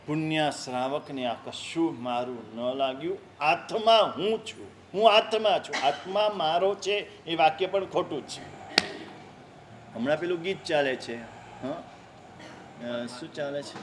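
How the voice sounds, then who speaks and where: A man's voice: fairly high pitch, measured pace, very noisy. A man, a Jain monk, giving a sermon and acting out a story, voicing the characters' cries with rising emotion.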